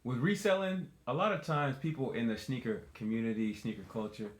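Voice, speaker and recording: A man's voice: medium pitch, steady tone, brisk. A man co-hosting a casual sneaker chat show, opinionated and teasing, talking things through in a conversational way. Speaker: co-host. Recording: echoey room.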